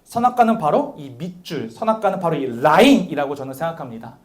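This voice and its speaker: A man's voice: on the high side, fast. A young man preaching a youth sermon as pastor, calling on listeners by name. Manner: animated, calls on listeners by name.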